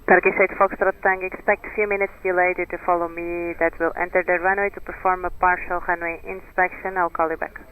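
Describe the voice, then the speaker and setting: Male tower controller, really fast clipped instructions, thin radio sound w faint noise. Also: high voice, flat delivery, phone-quality sound. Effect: aviation radio transmission. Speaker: air traffic controller.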